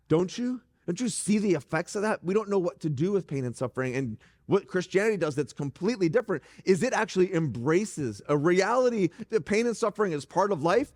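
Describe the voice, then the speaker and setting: A middle-aged man preaching a conversational sermon from a church stage, animated and joking with the congregation. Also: high-pitched. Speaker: pastor. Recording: reverberant church hall.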